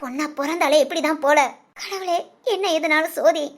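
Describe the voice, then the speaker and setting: A performer voicing a worried middle-aged mother in a cartoon, lamenting softly over her daughter. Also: sits high, normal speed. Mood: sorrowful. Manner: sorrowful, lamenting. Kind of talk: cartoon family drama voice acting.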